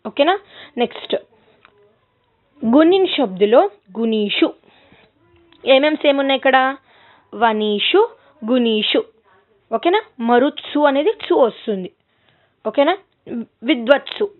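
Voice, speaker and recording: A woman teacher from Telangana with a Telugu accent, chanting Sanskrit noun declensions in a rhythmic recited lesson and checking in with her students. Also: a little high. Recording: tinny phone-like audio.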